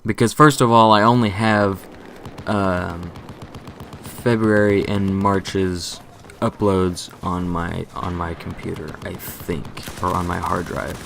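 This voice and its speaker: Slow and low-pitched with a gravelly edge, a young man hosting a gaming channel runs through a relaxed channel update in monotone. He meanders, self-corrects and makes jokes, and there's a little background noise.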